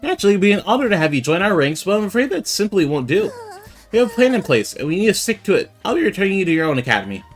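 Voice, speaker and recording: A man's voice: high voice, very animated, rapid-fire, soft background music, pitched above the performer's own voice. A man voicing a theatrical, upbeat young student soldier who talks in a grandiose, old-fashioned way. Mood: formal.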